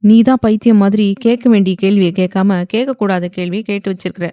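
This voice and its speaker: A woman's voice: medium pitch, steady tone, a little fast, dark tone, no room sound, natural voice. A woman voicing a young woman's argumentative inner conscience. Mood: scolding. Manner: scolding, argumentative.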